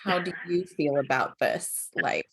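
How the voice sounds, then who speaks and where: A woman's voice: lowish voice, unhurried, a bit bright, slightly rough. Playful woman hosting a panel. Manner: playful, asks teasing questions. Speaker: host, interviewer. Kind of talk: casual panel chat.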